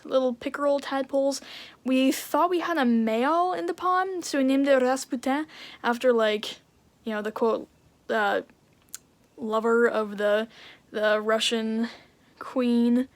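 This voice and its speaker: A woman vlogger chatting casually outdoors, rambling with many fillers and now and then dropping to a whisper. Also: fairly high pitch. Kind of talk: casual vlog chat. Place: outdoors by a garden pond.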